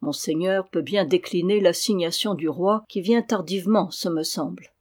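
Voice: medium pitch, moderate pace, a little mellow, natural voice. A reader voicing a dignified, grey-bearded old baron in an audiobook.

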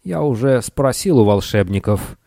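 A man doing a hoarse lisping greedy merchant. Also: on the low side, animated, moderate pace, dark tone, dry recording, studio quality, natural voice. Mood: aggrieved. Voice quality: hoarse, slight lisp. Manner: wheedling, menacing hiss.

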